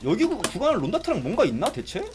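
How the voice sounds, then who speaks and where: A man giving excitable live commentary on a fighting game, exclaiming and complaining as he plays. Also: sits high, quick pace, background noise. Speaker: gaming streamer.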